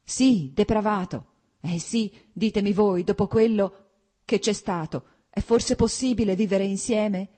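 A woman voicing a wounded, betrayed wife who lashes out at her husband in shrill, bitter, pleading outbursts. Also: a little slow, warm tone, lightly acted. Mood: outraged.

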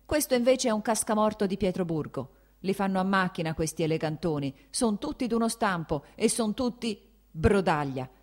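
A woman reading an audiobook, voicing an angry, blustering old prince who shouts and scoffs. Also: mid-range voice, expressive, normal speed, voice pushed up, natural voice. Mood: angry shouting. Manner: shouting, scornful, mocking.

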